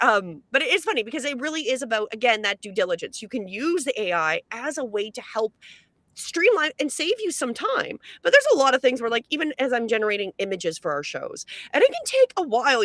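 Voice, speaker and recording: A woman's voice: on the high side, big pitch swings, a little fast, fairly bright tone, no echo. A Canadian woman co-hosting a live online show, explaining things in long upbeat run-on stretches. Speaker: co-host. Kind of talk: casual livestream chat.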